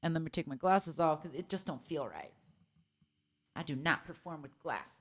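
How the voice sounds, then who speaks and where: A woman's voice: sits low, expressive, moderate pace, no room sound. A woman musician chatting casually with viewers on a live stream, thinking aloud, laughing often and joking at her own expense.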